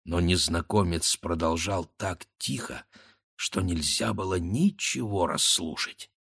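A man reading a classic story aloud in a measured, hushed manner. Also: low-pitched, creaky, breathy edge. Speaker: reader. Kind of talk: literary audiobook narration.

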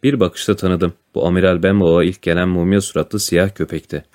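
A man reading a classic adventure story aloud as a narrator, in a calm, even storytelling manner. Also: sits low, fairly quick. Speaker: audiobook narrator. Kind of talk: storybook narration with voiced dialogue.

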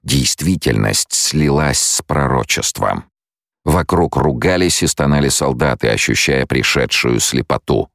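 A man narrates a novel in a measured storytelling way, his voice extremely deep and gravelly. His intonation moves a lot, and the recording is close and dry. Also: animated, a bit bright, no room sound. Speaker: audiobook narrator. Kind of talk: scripted narration.

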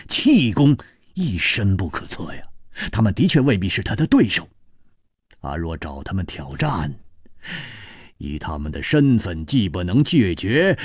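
A man narrating a martial-arts novel in an animated storytelling manner. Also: medium pitch, breathy edge, dry recording, studio quality. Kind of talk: audiobook storytelling.

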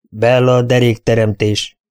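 A man's voice: medium pitch, level tone, darkish tone, smooth, lightly acted. A man voicing a domineering old spinster lady who speaks in curt, commanding sentences.

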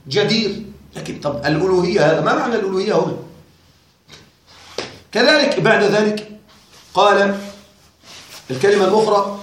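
In a very echoey classroom with slight background noise, a male teacher with a high, fairly bright voice lectures on a grammar text. He speaks straight to his students, questioning and wryly puzzled.

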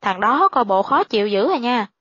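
Sly old male sorcerer, read by a woman; pushy, flat delivery, high-set voice, dull lo-fi sound. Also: normal speed, slightly rough, dry recording, full character voice. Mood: insistent.

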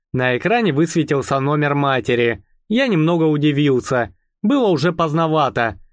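A man narrating a first-person audiobook in a calm, even, wry storytelling manner. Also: fairly high pitch, dry recording, clean studio sound.

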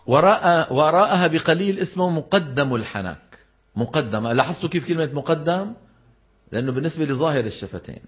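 Levantine arabic guy lecturing on quran recitation, asks the class then answers himself, kinda husky voice, dull lo-fi recording. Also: fairly high pitch, expressive, quick pace. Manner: stresses the exact vowels of terms.

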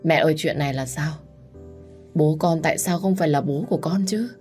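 A woman's voice: low-pitched, brisk, a little mellow, soft background music, natural voice. A woman reading as a hurt young daughter, asking tearful, pleading questions in a storybook reading. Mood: sobbing.

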